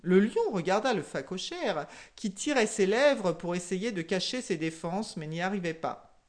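A woman telling a folktale aloud with slow, measured phrasing and dramatic pauses. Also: on the low side, lively intonation. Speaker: storyteller. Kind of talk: oral folktale narration.

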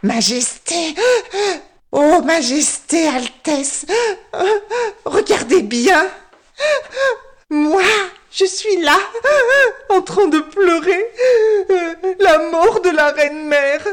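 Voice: high-pitched, drawn-out words, pauses often, voice pushed up, heavily acted. A storyteller voicing a sly warthog who fake-sobs and fawns over a king while telling tales. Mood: fawning wail. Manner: wailing, fake-sobbing, fawning. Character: whiny tattletale warthog, snivelling and sly.

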